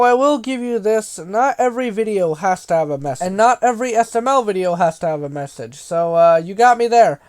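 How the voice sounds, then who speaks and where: A man with a high-pitched voice delivers casual video commentary. He reads out viewer comments and rebuts them in a sarcastic, exasperated manner, talking straight to his audience. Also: darkish tone. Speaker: video creator reading and answering viewer comments.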